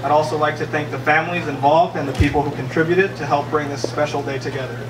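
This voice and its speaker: Far from the microphone, a young man speaks fast in a fairly high, steady voice as he gives a best man's toast in a large wedding tent indoors. Reading from a page into a handheld mic, he seems a little nervous and laughs between his lines, with echo and crowd noise all around.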